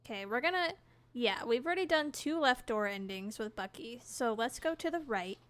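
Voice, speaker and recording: A woman's voice: a little high, expressive, moderate pace, fairly bright tone, a little hiss or hum. A woman giving playful, casual gameplay commentary as she plays. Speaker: gamer, let's player.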